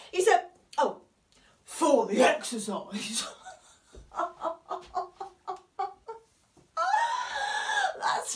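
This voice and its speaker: A woman's voice: high voice, a bit bright, full character voice. A woman auditioning as a wife facing divorce who mocks her husband, sarcastic and laughing through tears, recorded from a distance in a roomy space. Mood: mocking. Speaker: drama school auditionee. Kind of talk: audition monologue. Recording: roomy, from far off.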